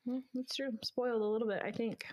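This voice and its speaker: A woman's voice: a little high, fairly even intonation, fast, darkish tone. A woman co-hosting a casual podcast chat, laughing often and reading posts aloud. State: has the hiccups. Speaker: podcast co-host.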